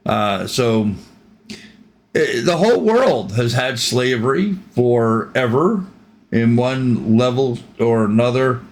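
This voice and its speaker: A man's voice: mid-range voice, lively intonation, slow pace. An older man hosting a reaction channel, giving rambling, opinionated commentary with frequent ums.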